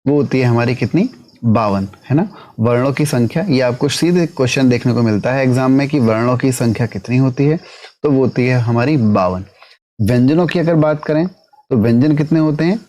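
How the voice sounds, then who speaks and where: A man teaching an exam-prep lesson who asks the class questions, answers them himself and keeps adding a quick tag question. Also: medium pitch, darkish tone.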